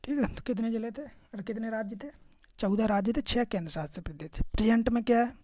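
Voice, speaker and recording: A male exam-prep teacher talks through a casual lesson in a dark, mellow voice. He keeps checking in with "okay" and "remember this", quizzing his listeners as he goes. The sound is dry and close, with no room around it. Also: sits high, fast talker, no echo.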